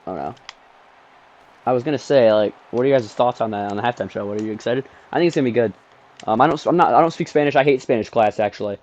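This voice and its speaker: A young man streaming a football video game alone from his bedroom, chatting in a loose, rambling way full of ums and sudden bursts of play-by-play excitement. He sounds a bit sleepy, his voice sits mid-range, and the recording is slightly dull and lo-fi. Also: medium pitch, fast. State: sleepy, yawning. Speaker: gaming streamer. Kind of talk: casual gameplay commentary.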